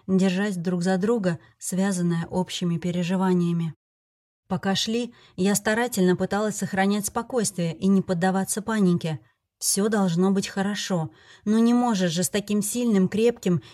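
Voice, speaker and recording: A woman reads a first-person fantasy novel aloud with expressive, emotional delivery. her voice sits in an ordinary mid range for a woman, and she gives the inner feelings of the heroine plenty of colour. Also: medium pitch, normal speed. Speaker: audiobook narrator. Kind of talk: first-person audiobook narration.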